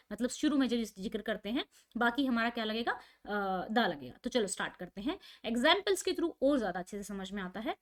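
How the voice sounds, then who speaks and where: A woman teacher, explaining a lesson step by step and asking and answering her own questions. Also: a little high. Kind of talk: online class lesson.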